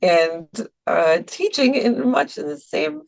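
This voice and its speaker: A woman's voice: high-pitched, big pitch swings, slow pace, vocal fry. A woman guest on a podcast, talking casually about teaching art, hesitating with many ums and small laughs. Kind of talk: casual interview talk. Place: Milwaukee, US.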